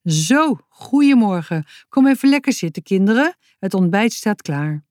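A woman's voice: mid-range voice, sing-song, measured pace, darkish tone, no room sound, clean studio sound. A woman voicing a kindly, hospitable grown man with a sly plan in a children's storybook, friendly and a little hesitant.

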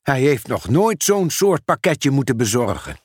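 A man's voice: mid-range voice, sing-song, measured pace, slightly rough, dry recording. A man voicing a worried but obliging caretaker in a storybook reading. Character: worried kindly adult male caretaker.

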